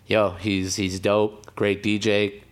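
Hoarse man, slangy and low. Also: flat delivery, takes it slowly. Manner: slangy, hyped, full of shout-outs. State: hoarse, raspy throat. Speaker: DJ guest. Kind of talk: casual podcast chat.

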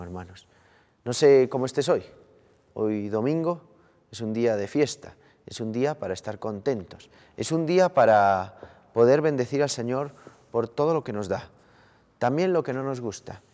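A man, a priest from Colombia, giving an earnest, slow-paced Sunday sermon and addressing his listeners as brothers. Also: medium pitch, mellow, in a large hall.

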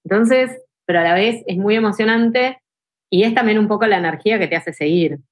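A young adult woman from Argentina with a Rioplatense accent speaks as a podcast guest. She tells stories in a casual, emotional way, filling her talk with "tipo" and "este", at a middle pitch. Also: fairly quick. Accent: Rioplatense Spanish. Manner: animated, emotional, full of fillers like "tipo" and "este". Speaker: ultra trail runner guest.

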